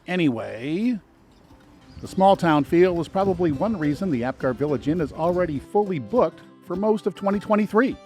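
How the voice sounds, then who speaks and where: Male travel guide voice-over, slightly high, animated delivery, dry wit, soft music underneath. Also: moderate pace. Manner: dry, lightly sarcastic asides. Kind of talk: scripted travel narration. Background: soft background music.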